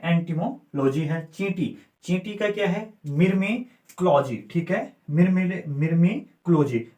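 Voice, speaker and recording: A male teacher giving an exam-prep lecture, repeating key terms and asking and answering his own questions. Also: high-pitched. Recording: echoey room.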